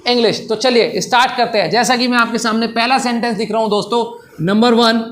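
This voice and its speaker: A man teaching English in a chatty video lesson, often repeating key phrases slowly. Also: very high voice, steady tone, fairly bright tone, a little hiss or hum. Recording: echoey room.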